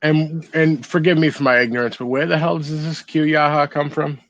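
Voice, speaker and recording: A man's voice: a little high, steady tone, fairly quick, fairly bright tone, no room sound, muffled recording. A man co-hosting a podcast, telling about his grow in a blunt, laid-back way with plenty of swearing. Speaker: podcast co-host. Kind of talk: casual chat.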